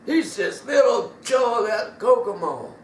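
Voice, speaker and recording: A man voicing a group of jealous, resentful brothers, raising his voice and shouting in an echoey room. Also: extremely high pitch, slow, far from the mic, a little hiss or hum, voice pushed up, exaggerated voice. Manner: raised, excited shouting.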